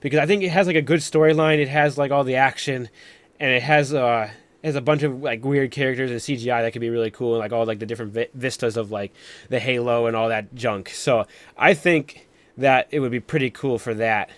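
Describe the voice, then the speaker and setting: This live stream panel host speaks fairly quickly at a medium pitch with a steady tone and no room sound. His casual talk is rambling and filler-heavy, full of "like."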